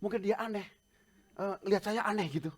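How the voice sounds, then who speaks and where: A man preaching a sermon as pastor, telling humorous personal stories in an animated way. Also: high-pitched, brisk.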